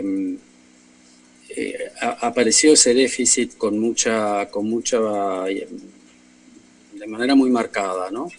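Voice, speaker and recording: A middle-aged man, a sociology researcher giving an academic panel talk. He talks haltingly, thinks aloud with many fillers and repeated words, and tags his points with a questioning "no?". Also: mid-range voice, poor audio.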